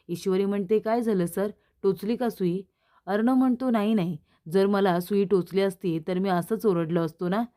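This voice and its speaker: A woman's voice: mid-range voice, mellow. A woman with a Marathi accent narrating a TV serial episode recap, retelling each character's lines in her own plain voice.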